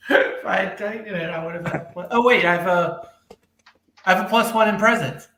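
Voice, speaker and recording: A man's voice: high-pitched, a little fast, sharp tone, echoey room, a little hiss or hum. A man playing a tabletop game, joking and laughing often. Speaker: player.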